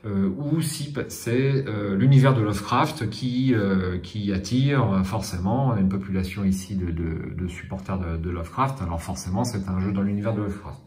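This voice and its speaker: A man's voice: lowish voice, moderate pace, few pauses, a little mellow, reverberant. A man hosting a board game channel, talking casually to his viewers with many fillers and restarts.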